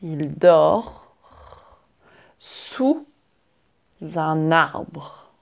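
Woman teacher narrating a fable, very slow, lowish voice, clear and repetitive. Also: animated. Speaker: French teacher. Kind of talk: slow storytelling for learners.

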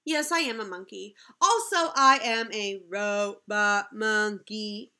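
A woman's voice: medium pitch, slow, bright, forceful tone, voice pushed down. A woman voicing a silly, boastful robot monkey from a children's storybook, in a goofy, declamatory way. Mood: goofy boasting. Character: silly boastful robot monkey who sings and babbles nonsense. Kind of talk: children's storybook character reading.

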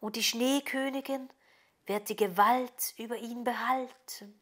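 A woman's voice: fairly high pitch, steady tone, unhurried, fairly bright tone. A woman reading a grave old wise-woman. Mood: earnest. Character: wise old Finnish wise-woman, calm and solemn.

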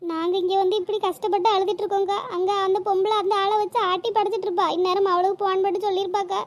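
A woman voicing a grieving young mother in a cartoon, pleading and lamenting with a very high, squeaky voice. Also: little pitch movement, racing. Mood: tearful lament. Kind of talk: cartoon voice acting.

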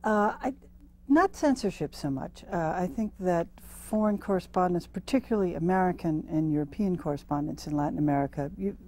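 Brief: middle-aged woman, low mellow voice, panel guest, thoughtful and halting. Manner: thoughtful, hesitant with many fillers. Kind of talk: recounting experiences in a panel discussion. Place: TV studio with audience.

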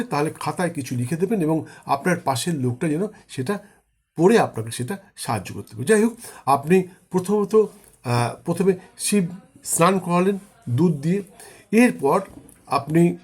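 A man talks through a ritual step by step in a husky voice that sits high and moves a lot. Between explanations he chants mantras slowly and solemnly. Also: a little mellow. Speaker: astrologer teaching puja rituals. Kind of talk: spoken ritual instruction.

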